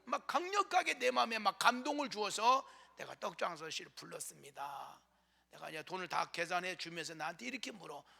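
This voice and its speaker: A male pastor preaching a sermon, telling a personal story with feeling and shouting his refrains. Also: high voice, big pitch swings, a little fast, vocal fry, husky, long reverb tail. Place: large prayer hall.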